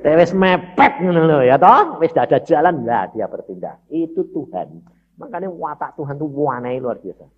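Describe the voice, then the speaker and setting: A man preaches a sermon testimony, recounting a personal story and speaking straight to the congregation. His slightly high voice swings widely in pitch at a normal speed. The sermon audio is dull and lo-fi, with a bit of hiss or hum.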